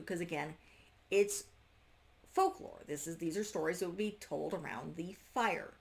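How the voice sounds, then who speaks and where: Speaking casually to camera, a woman with a lowish voice and vocal fry reviews a book without a script. Her delivery is halting: she keeps interrupting herself, trailing off mid-sentence and starting over.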